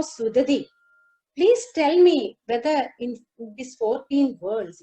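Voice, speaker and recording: A woman giving a lecture demonstration over a video call, explaining song lyrics line by line and singing a few verses slowly. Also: a little high, dark tone, poor audio. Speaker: lecturer on Carnatic music. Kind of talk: lecture demonstration with sung lines.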